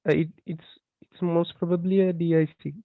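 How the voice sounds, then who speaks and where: A woman's voice: fairly low pitch, level tone, fairly quick, dry recording. A woman medical student answering questions hesitantly and politely. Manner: hesitant, polite, many fillers. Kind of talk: answering in an online class. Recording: tinny phone-like line, dry.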